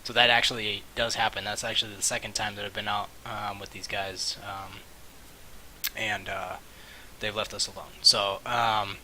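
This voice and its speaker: A man giving casual, rambling and halting commentary on a game stream, with mouse clicking behind him. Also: fairly low pitch, little pitch movement, pushed and bright, rough recording. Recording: hissy mic, faint background noise.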